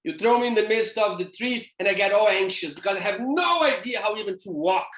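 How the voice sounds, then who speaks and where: Man, Brazilian Portuguese accent, high voice, playful exclamatory lecturing, echoey church hall. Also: animated, brisk, a bit bright. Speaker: theologian lecturer.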